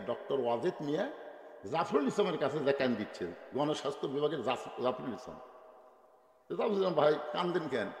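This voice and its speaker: A man with a northern Bangladeshi accent preaching a rousing sermon, calling on the crowd to answer him. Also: a little high. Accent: Bogura Bengali. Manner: rousing, calls on the crowd to respond. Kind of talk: waz sermon. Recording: echoey hall with long reverb.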